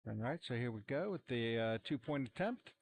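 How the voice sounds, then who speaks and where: A man calls football play-by-play at an outdoor field. He talks in a relaxed, rambling way, with fillers and restarts. His pitch sits in a typical middle range for a man. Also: a little fast. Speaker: play-by-play commentator. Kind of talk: amateur sports commentary. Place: outdoor football stadium sideline. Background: cheering fans.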